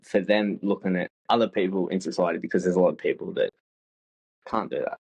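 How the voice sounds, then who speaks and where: Deep husky laid-back man. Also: steady tone, brisk, darkish tone. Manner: laid-back, reflective, swears casually. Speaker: podcast co-host. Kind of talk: casual chat.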